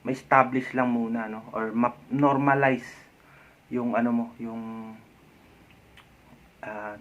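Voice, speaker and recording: A man vlogging casual advice in a chatty way, often ending his points with a tag question and letting out a soft chuckle now and then. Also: medium pitch. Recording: dull lo-fi sound.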